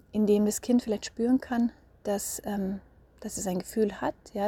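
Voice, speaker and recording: A mother in her thirties talking through her parenting experience in a thoughtful way, often pausing to find her words. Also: medium pitch, warm tone, slightly rough. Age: 30s. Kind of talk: casual spoken monologue.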